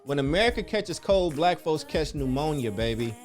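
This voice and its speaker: Emphatic slangy guy on a video call, kinda high voice, some music playing low. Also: animated, normal speed. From born in Chicago area, raised in Oakland. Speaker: host of a virtual community happy hour. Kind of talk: casual livestream chat reading comments.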